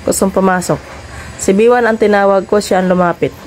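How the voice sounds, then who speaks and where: A woman filming her dogs at home, scolding them and calling them over in a chiding, coaxing voice, then talking more quietly to viewers. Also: mid-range voice, fairly even intonation, fairly quick, slight background noise. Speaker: dog owner filming her pets. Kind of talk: casual vlog narration.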